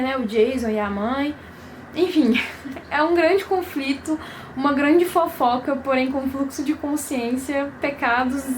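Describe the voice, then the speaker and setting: A woman's voice: high-pitched, a little hiss or hum. A young Brazilian woman chatting casually and effusively about books she read, with lots of fillers. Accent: Brazilian Portuguese. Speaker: book vlogger. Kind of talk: casual book review chat.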